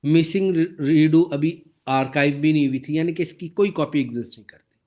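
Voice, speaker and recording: A man lecturing on databases with a sore throat and an occasional cough, explaining step by step, asking the class questions and reading slide text aloud slowly. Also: a little high, darkish tone. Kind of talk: recorded lecture over slides.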